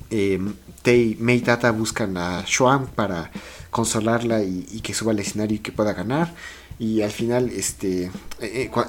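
A man, co-hosting a podcast, recapping an anime in casual chat. He rambles playfully with lots of fillers. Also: lowish voice. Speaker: podcast co-host.

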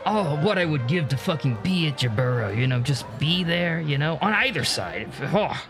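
A man playing a gushing, starstruck war buff who stammers haltingly through a tabletop game. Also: fairly high pitch, big pitch swings, over music.

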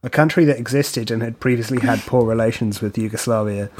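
A man's voice: mid-range voice, brisk, a loud crowd. A man in casual podcast chat, making dry sarcastic jokes.

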